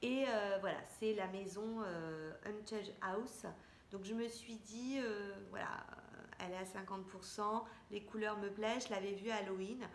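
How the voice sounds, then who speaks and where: A woman chatting casually to her viewers in a friendly beauty vlog about a makeup haul. Her voice sits at a mid pitch and rings around an echoey room at home. A faint hiss runs underneath. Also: unhurried.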